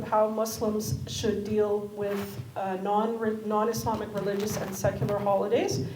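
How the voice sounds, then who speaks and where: A woman moderating a community panel, speaking hesitantly with frequent fillers. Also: mid-range voice. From Canada. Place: community centre hall. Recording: echoey hall with background noise.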